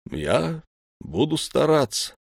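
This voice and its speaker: A man voicing a male god who speaks slowly and measuredly, with lofty regret. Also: on the high side, sing-song, creaky, breathy edge, no echo, studio quality, voice pushed up, full character voice. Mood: calm.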